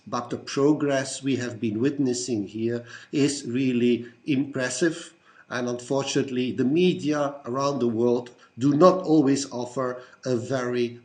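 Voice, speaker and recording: Older Belgian man in his sixties, steady mid-pitched voice, calm measured delivery with "uh" fillers, friendly club self-introduction. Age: 60s. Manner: measured, lists things one by one with frequent "uh" fillers. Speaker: Rotarian introducing himself. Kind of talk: recorded self-introduction to fellow club members.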